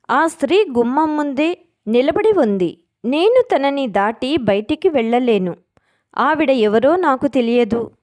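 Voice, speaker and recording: Brief: woman storyteller, lively pitch, fairly high voice, suspenseful scripted narration. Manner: expressive, suspenseful.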